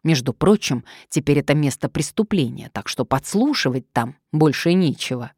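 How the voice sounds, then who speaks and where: A woman voicing a furious, sharp-tongued young woman who hurls scornful retorts in an audiobook. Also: deep voice, animated, normal speed, slightly rough, no room sound, studio quality. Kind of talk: audiobook character reading.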